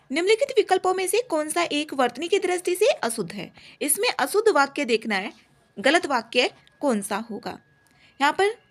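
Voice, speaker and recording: A young woman teacher walks through exam answers one by one in quick, repetitive explanations. Her voice sits high and moves a great deal. She keeps pressing on from one question to the next. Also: a bit bright.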